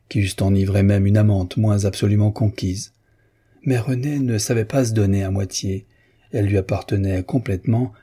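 A man with a low, slightly husky voice narrates a novel at an even, measured pace. His tone is dark and mellow, with a steady literary reading style that suits an audiobook.

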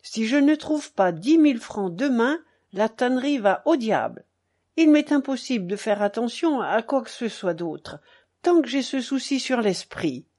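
A woman's voice: on the high side, animated, moderate pace, a little mellow. A woman reading the part of a worried married man pressing his wife for money, in an audiobook. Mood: worried pleading. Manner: urgent, pleading then cold.

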